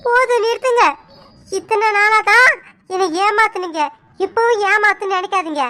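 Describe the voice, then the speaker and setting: A woman's voice: very high voice, moderate pace, sharp tone. A woman voicing a suspicious young village wife in a cartoon, accusing and insistent. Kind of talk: cartoon voice acting.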